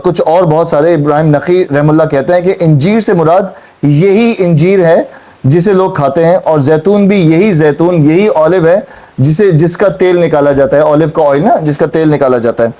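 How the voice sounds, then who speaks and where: Male Quran teacher, high mellow voice, questions and repeats. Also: moderate pace. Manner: questioning students, repeating points. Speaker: Islamic teacher. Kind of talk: Quran class explanation. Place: classroom with students.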